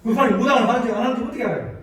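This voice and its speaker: Male pastor, high and animated, slow emphatic delivery, distant mic in an echoey church. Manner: storytelling preacher, drawn-out emphatic phrases. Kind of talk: sermon. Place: church sanctuary. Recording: roomy church sound, mic from a distance, faint room noise.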